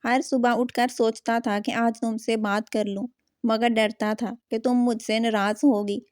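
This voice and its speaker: Devoted young guy doctor pleading with his love, tender, a woman reading his lines, higher voice, dry sound. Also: flat delivery, darkish tone, no echo, natural voice.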